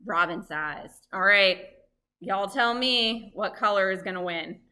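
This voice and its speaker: A woman presenting a live, lively lesson for families, chatting and asking her audience questions. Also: mid-range voice, unhurried. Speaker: library program presenter on birds.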